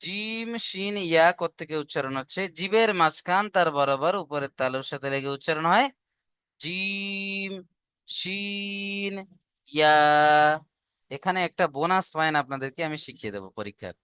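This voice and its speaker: A Quran recitation teacher runs an online class at a quick pace with few pauses, his slightly high voice pushed, bright, smooth and lively in intonation. He's patient, repeats himself, and often checks that students have understood. Clean studio sound, no room sound.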